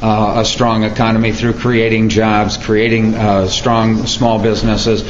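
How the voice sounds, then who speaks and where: A man running for office, answering reporters in an earnest, measured, halting way. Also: on the low side, flat delivery. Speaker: political candidate. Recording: echoey, muffled, noisy room.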